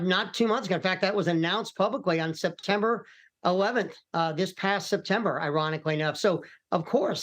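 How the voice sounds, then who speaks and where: Middle-aged American male security expert, calm and explanatory, fairly high voice, live news analysis. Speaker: retired military commander and hostage expert guest.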